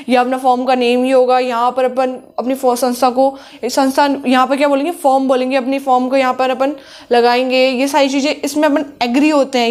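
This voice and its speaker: A woman a high voice works through a commerce lesson. She mixes in as she explains, and she keeps posing questions that she answers herself. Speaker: commerce teacher. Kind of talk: classroom lecture.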